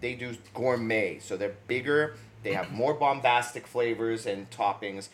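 This young co-host of a food podcast, from New, has a medium-pitched voice and talks a little slowly. He's an animated storyteller in casual chat who laughs a lot and grows loud when excited, over slight background noise.

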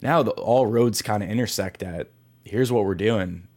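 A man's voice: fairly low pitch, moderate pace, darkish tone. A man hosting a podcast, introducing interviews and chatting with guests in a conversational, enthusiastic way. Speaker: podcast host. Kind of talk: podcast host narration and interview.

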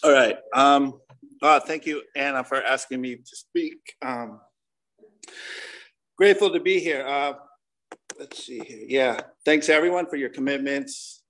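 A Connecticut man in his forties with an American accent shares an informal personal testimony at a recovery meeting, candid, slangy and conversational. His medium-pitched voice is a bit bright and unhurried.

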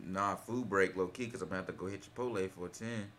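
A young man from North Carolina co-hosting a casual podcast, talking in relaxed slang and getting loud and laughing when he's excited. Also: sits low, quick pace, slight background noise. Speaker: podcast co-host. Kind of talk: casual chat.

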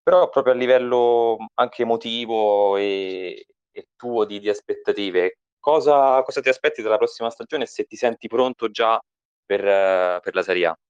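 A man's voice: lowish voice, moderate pace, clear, resonant tone, dry recording. Man calling in over a dull, lo-fi line. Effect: remote caller over a dull, lo-fi line. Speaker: guest interviewer calling in. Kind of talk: interview questions.

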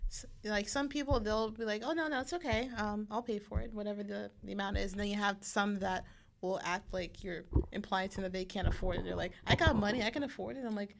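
Gravelly-voiced woman in relaxed chat. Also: mid-range voice, quick pace, a little hiss or hum. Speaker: podcast co-host, server. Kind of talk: casual chat.

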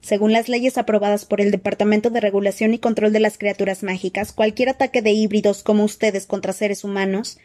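A woman voicing a frightened, pompous female official with a squeaky, haughty voice. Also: flat delivery, brisk, hardly any pauses, a little mellow, lightly acted.

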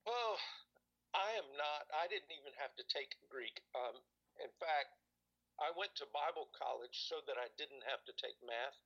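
A man talks in a relaxed, rambling way, stopping often to hunt for the right word. His voice is bright and forceful, and the recording sounds a little dull and lo-fi. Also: fairly high pitch, normal speed. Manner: rambling, hesitant, searches for words. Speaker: guest recalling church experiences. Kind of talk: casual conversation.

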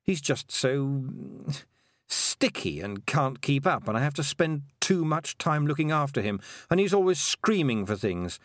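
A man voicing a sharp-minded, determined young girl. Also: medium pitch, sing-song, a little slow, no echo, clean studio sound, voice pushed up. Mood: earnest.

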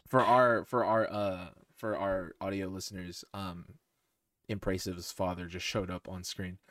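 A man hosting a casual podcast with friends, telling a story in animated, mock-exasperated bursts. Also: low-pitched, a little slow, dry recording. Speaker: podcast host. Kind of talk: casual chat among friends.

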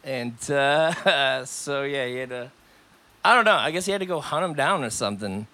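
Bright-voiced man hosting a loose podcast. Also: medium pitch, animated, moderate pace. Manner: loose, profane, laughs often. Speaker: podcast host. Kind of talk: casual chat.

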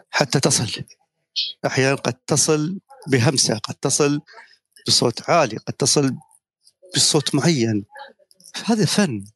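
A middle-aged man speaks as a guest media professional in a talk on an audio chat room. He lectures persuasively and tells anecdotes. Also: mid-range voice.

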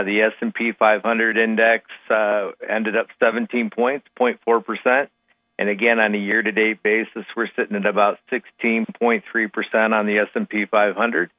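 A man with a slightly low voice comes through a thin, phone-like connection with little room sound. He gives financial market commentary for radio in a conversational, somewhat halting way, as an analyst reviewing figures. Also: no room sound. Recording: tinny, narrow phone-like line.

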